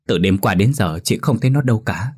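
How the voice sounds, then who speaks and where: A man's voice: fairly low pitch, animated, fairly quick, darkish tone, breathy edge. A man voicing a frightened village mother whose son is missing, pleading and tearful, in a spoken ghost story. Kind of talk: horror story reading.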